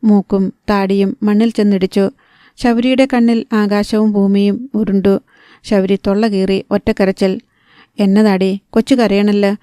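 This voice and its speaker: A woman narrating a novel as an audiobook, calm and steady, on a close microphone. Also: medium pitch, a little slow, clear, resonant tone, dry recording.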